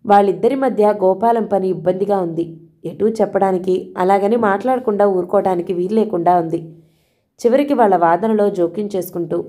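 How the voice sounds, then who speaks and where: A woman narrating an audio novel in a steady storytelling way. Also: fairly low pitch. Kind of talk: scripted narration.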